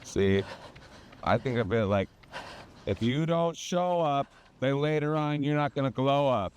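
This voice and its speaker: Deadpan man bantering while running, background noise. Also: mid-range voice, measured pace. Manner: sarcastic, deadpan joking. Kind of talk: casual banter on a run.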